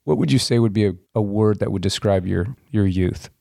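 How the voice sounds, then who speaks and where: A man hosting a podcast interview, asking friendly, measured questions. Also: fairly low pitch, vocal fry, dark tone, dry recording, studio quality. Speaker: podcast host.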